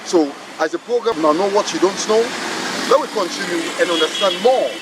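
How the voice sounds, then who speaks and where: Sierra leonean guy presenting, highish voice, emphatic, repeats himself, traffic noise outside. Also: brisk. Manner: emphatic, repetitive. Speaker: host of an educational program. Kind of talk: educational presenting, mixing Krio and English. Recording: clear outdoor traffic noise.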